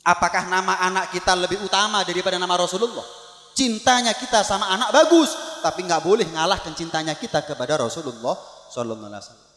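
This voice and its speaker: A man preaching a religious sermon, telling stories with animated voices for the people in them. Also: sits high, fast talker. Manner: animated storytelling, acts out shouted calls. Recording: echoey hall with long reverb.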